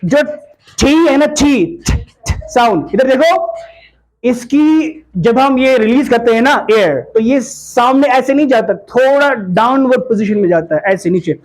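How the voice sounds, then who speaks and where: High-voiced man drilling pronunciation. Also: expressive. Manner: repeats words in slow drills, asks class if they follow. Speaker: pronunciation teacher. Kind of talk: classroom lesson with drills. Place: classroom with students.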